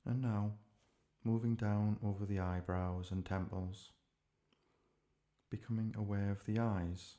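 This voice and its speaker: In a lowish voice, a man leads a relaxation meditation, keeping a calm, measured pace and letting pauses fall between his short phrases.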